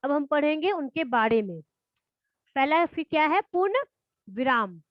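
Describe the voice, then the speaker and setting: High-voiced woman teaching grammar. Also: very animated, dry recording. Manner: reads definitions slowly, then explains with questions to pupils. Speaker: school teacher. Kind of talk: classroom grammar lesson. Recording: dull lo-fi dry recording.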